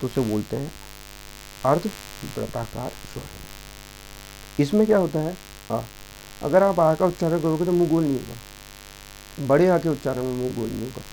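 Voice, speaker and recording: A man's voice: a little high, animated, brisk, dark tone, slight background noise, rough recording. A young man teaching an exam-prep grammar lesson, explaining patiently and checking in with his listeners often. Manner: explaining patiently, repeats "ठीक है" and "दोस्तों" often.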